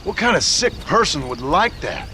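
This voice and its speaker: John Marston, sardonic American cowboy. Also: male voice, on the high side, big pitch swings, normal speed, pushed and bright, slight background noise. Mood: sardonic disdain. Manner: dry, sardonic. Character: sardonic, weary cowboy gunslinger, grimly decent. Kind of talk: video game character acting.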